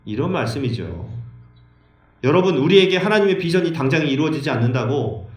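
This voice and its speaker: Male pastor, animated sermon delivery, swings pitch widely, roomy church echo. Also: brisk, soft background music. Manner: animated, acts out dialogue with sudden pitch jumps. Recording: echoey room.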